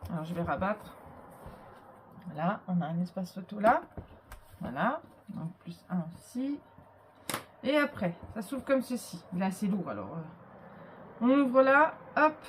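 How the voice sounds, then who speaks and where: A woman's voice: mid-range voice, a little hiss or hum. A woman with a cold presenting a handmade album in a casual show-and-tell, hesitant and full of fillers. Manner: hesitant, full of fillers and little "hop" interjections. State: has a cold.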